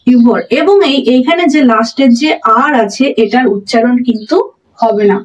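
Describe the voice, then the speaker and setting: A fairly high-voiced woman explains pronunciation as a teacher. She repeats each example word slowly and with care. Her voice sounds a bit distant from the mic. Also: lively intonation.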